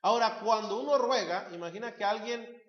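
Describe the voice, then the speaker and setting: A man's voice: high voice, fairly quick. A man preaching a sermon, emphatic and asking the congregation questions. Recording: roomy, slightly dull church recording.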